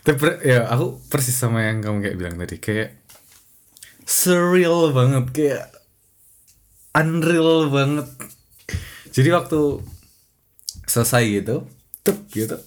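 A man's voice: mid-range voice, lively intonation, a little slow, pauses often. A young man in casual chat, agreeable and talking with many fillers.

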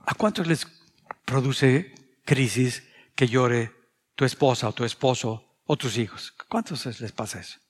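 A man's voice: mid-range voice, measured pace. A middle-aged Mexican man preaching a sermon, earnest and confessional, sharing personal stories. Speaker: pastor. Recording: reverberant hall sound.

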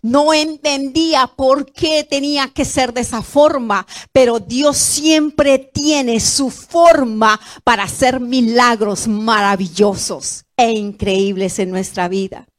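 A woman preaching a sermon, animated and direct, swinging from loud exclamations to soft, low asides and asking her listeners questions. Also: takes it slowly, few pauses.

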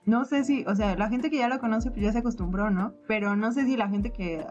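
A woman's voice: a little high, fairly quick, soft background music. A young woman with a Mexican accent, co-hosting a casual chat podcast, telling stories and acting out what people said. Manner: storytelling, animated, acts out quoted lines. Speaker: podcast co-host.

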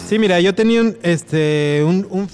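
A man answers in an easygoing, joking way. His voice is high for a man, and soft music plays behind him. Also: moderate pace. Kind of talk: casual chat.

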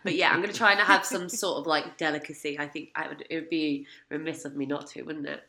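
A London woman talks with a low, bright, forceful voice, chatty and quick to laugh. Her voice echoes because she is in an oversized hotel suite. She co-hosts a casual film podcast. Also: steady tone. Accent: London English. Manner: chatty, lots of "like", laughs easily. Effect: echoey sound of a huge hotel suite. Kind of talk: casual chat. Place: large hotel suite indoors.

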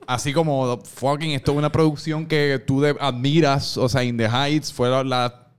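A man's voice: mid-range voice, steady tone, normal speed, clean tone. A man hosting a casual interview podcast, joking and teasing his guest. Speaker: podcast host.

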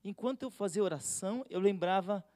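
A man's voice: high voice, brisk, a little mellow, no room sound, clean studio sound. A Brazilian man, a pastor, preaching a sermon with a humorous, teasing manner and acting out the voices he quotes. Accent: Brazilian Portuguese.

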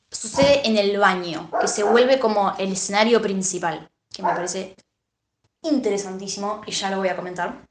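Argentine woman podcaster, lively storyteller, slightly high voice, roomy echo. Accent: Argentine Rioplatense Spanish. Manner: animated, acts out the characters' lines. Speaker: podcast co-host. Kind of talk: casual retelling of a story.

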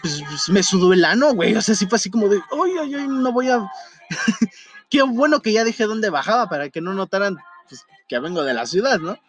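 A young man with a Mexico City accent casually telling a personal story, full of slang and frequent laughter. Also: fast. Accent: Mexico City Spanish. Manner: animated, slangy, laughs often, jumps to falsetto in retellings. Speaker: vlogger. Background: faint music.

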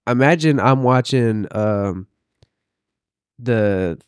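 A man's voice: medium pitch, drawn-out words, smooth, no echo, studio quality. A man chatting casually and telling stories in loose, profane slang, often repeating phrases as he builds them up. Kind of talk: casual banter and storytelling.

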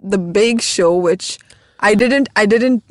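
A woman's voice: mid-range voice, takes it slowly. A woman with a mid-range voice. She speaks in casual conversational style, and the sound is close and free of room echo. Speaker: comedian. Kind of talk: casual chat.

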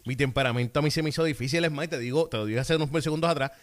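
A man hosting a casual faith conversation over a video call, telling lively stories and checking in with his guest. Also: on the high side, rapid-fire. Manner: animated storyteller, checks in with the listener. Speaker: host.

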